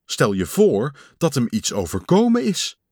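Fretful storybook toad, loud worried cries, dry close sound, a man reading it. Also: mid-range voice, wildly swooping pitch, a little slow, dry recording. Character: anxious caring male toad.

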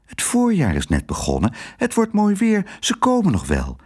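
A man voicing a bossy, thrifty middle-aged wife in a storybook, speaking briskly and firmly. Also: sits high, huge pitch swings, a little mellow, breathy edge, pitched above the performer's own voice, exaggerated voice.

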